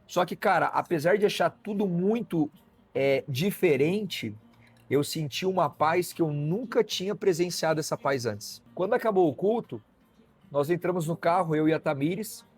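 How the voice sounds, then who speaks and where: A man's voice: fairly high pitch, moderate pace, husky. A man, a physician guest telling a personal story in conversation and acting out the dialogue. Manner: storytelling, acts out quoted dialogue, frequent "né?" tags.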